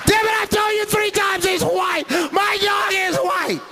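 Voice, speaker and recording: A man playing a frantic, shouting woman guest who demands her lost dog back, in a shrill raised voice. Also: steady tone, unhurried, over loud music, a loud crowd. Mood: furious.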